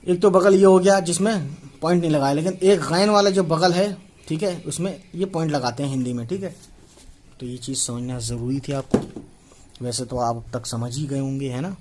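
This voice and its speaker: A man's voice: fairly high pitch, normal speed, darkish tone, a little hiss or hum. A man in his twenties teaching a writing lesson, patiently repeating and spelling out letters one by one. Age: 20s. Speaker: Urdu teacher.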